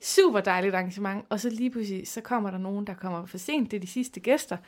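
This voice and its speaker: A woman co-hosting a podcast, telling stories lively with acted-out quotes in a casual chat. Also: mid-range voice. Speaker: podcast co-host.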